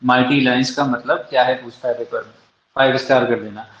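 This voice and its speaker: A man with an Indian English accent leads an exam-prep lesson on literature, firing rhetorical questions at his class and answering them himself. His voice sits at a middle pitch, and it comes through with a roomy echo and a dull, lo-fi sound. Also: steady tone, fairly quick, fairly bright tone. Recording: echoey, dull lo-fi room sound.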